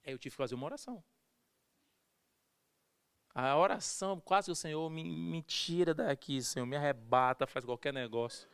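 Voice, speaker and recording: A man's voice: fairly high pitch, moderate pace, gravelly, long pauses, fairly bright tone, smooth, no echo. A male pastor preaching a sermon, telling a story with humor and acting out quoted voices. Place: church.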